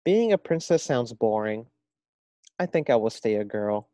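A man's voice: mid-range voice, animated, a little slow, warm tone, no room sound, natural voice. A man reading a picture book aloud, voicing an eager, insistent little girl who wants to kiss a frog. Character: bold little girl wanting a prince.

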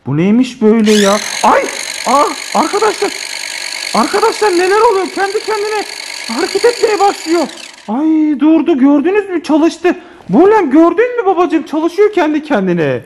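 A young man and father filming a family vlog at home, excitedly narrating to his viewers. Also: very high-pitched, normal speed, background noise. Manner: excitable, exclaiming, addresses viewers. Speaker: vlogger father. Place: home living room.

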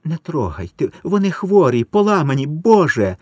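A man puts on a high, strained voice for a desperate older peasant mother, her pleas tearful and urgent. Her words sound close and dry, with no room around them. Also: very animated, moderate pace, darkish tone, no room sound. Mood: pleading. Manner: pleading, tearful.

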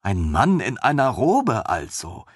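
A man voicing a blunt, baffled woman in a fantasy audiobook, asking flat, incredulous questions. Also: fairly low pitch, slow pace, slightly rough, no room sound, clean studio sound, full character voice. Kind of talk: audiobook character voice.

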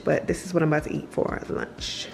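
A woman's voice: low voice, steady tone, creaky, soft background music. A young woman vlogging casually at home, chatting as she unpacks and lists her groceries. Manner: chatty, unhurried, listing items aloud. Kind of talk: casual vlog narration. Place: large bare-walled house indoors. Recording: echoey room, mic at a distance.

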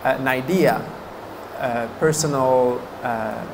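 A French-Canadian Buddhist monk in his thirties, French his first language, gives a chatty dharma talk at a meditation course, laughing often between fillers and gesturing with his hands. Seated before a banner in a meditation hall with a stand mic in front of him, he speaks slowly in a mid-range voice with vocal fry over a noisy background.

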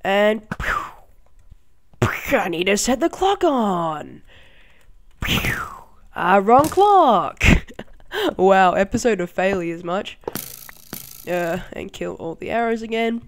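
Casual game-tutorial host, excitable, laughs and exclaims easily, rambling and chatty delivery. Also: mid-range voice, slow, pauses often. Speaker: channel host.

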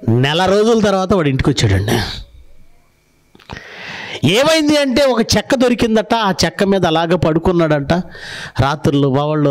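A man preaching a sermon, telling stories and asking his listeners rhetorical questions. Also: a little high. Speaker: pastor.

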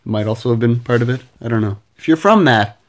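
A man from Canada vlogs at home at night, recorded on his camera mic, speaking quickly in a mid-range voice. His talk is rambling and casual, packed with fillers and jokes at his own expense.

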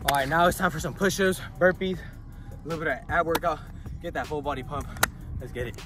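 A man's voice: fairly high pitch, fairly quick, loud music behind the voice. A nineteen-year-old man in a casual selfie vlog, outdoors by the water and on a jet ski, talking in a hyped, slangy, motivational way into a phone held at arm's length. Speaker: vlogger. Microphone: phone camera at arm's length. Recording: loud wind and engine noise.

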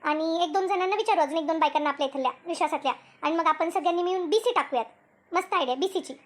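Cartoon lead: a bossy, talkative village woman voiced by a woman, very high and quick. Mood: explaining. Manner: explains at length, bossy. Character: bossy chatty village woman, group leader. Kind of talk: cartoon voice acting.

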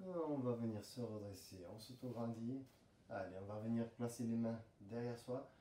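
A pilates instructor with a dark, medium-pitched voice guides a workout at normal speed, giving calm cues and counting breaths. He's in a room at home, picked up by a distant camera mic that sounds roomy, with a little hiss or hum.

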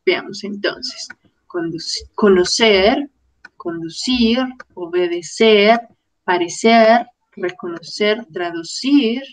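A woman's voice: medium pitch, takes it slowly, rough recording. A woman teaching a grammar lesson, carefully drilling verb forms one by one. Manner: careful, drilling word lists. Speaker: Spanish teacher.

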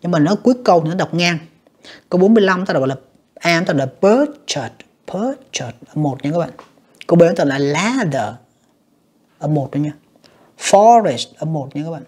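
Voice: mid-range voice, fast, a little mellow, breathy edge. An English teacher, reviewing exam questions by reading each option aloud, translating it and judging it for the students. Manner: reads each English option, then translates and judges it, often addressing "các bạn".

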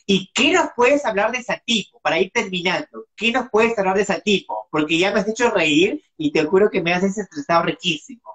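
A woman's voice: mid-range voice, brisk, hardly any pauses, a bit bright. A woman hosting a casual live-stream interview over a video call, giggly and teasing, with dramatic exclamations. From Peru. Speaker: host.

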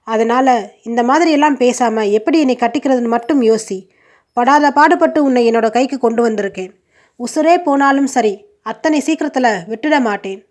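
A woman's voice: a little high, normal speed, a little mellow, natural voice. A woman voicing a young man in love, who talks in a persuasive, lightly teasing way. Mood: earnest.

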